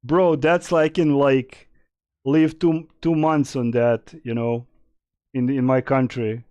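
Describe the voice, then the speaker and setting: A man's voice: mid-range voice, steady tone, slow, darkish tone, clear, resonant tone, dry recording, dull audio. A young man from Serbia, casually streaming and answering chat questions in a rambling way with many fillers. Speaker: game streamer.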